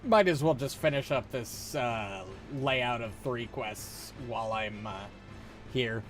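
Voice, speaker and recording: A man's voice: mid-range voice, takes it slowly, soft background music. A man giving casual live game commentary as a streamer, swearing freely and poking fun at himself. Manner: sweary, self-deprecating.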